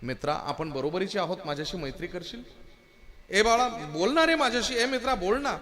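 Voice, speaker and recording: A man's voice: high-pitched, animated, fairly quick, a bit bright, pitched above the performer's own voice. A kirtan performer acts out a vain, proud young man in a raised, strained voice. He boasts, scorns and then begs in turn, always demanding to be answered. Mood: pleading. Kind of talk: kirtan storytelling.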